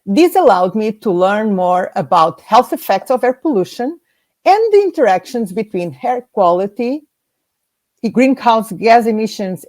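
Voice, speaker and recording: A woman from Portugal walks through her slides in a measured, orderly way. Her pitch moves a lot as she goes through each list. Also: a little mellow. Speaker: guest scientist presenting. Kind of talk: prepared slide presentation.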